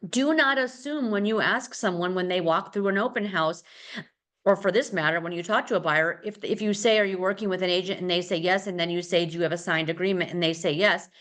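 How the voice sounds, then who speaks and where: A woman's voice: mid-range voice, a bit bright. A middle-aged woman leading a casual real estate team training, chatty and rambling, with many fillers and restarts.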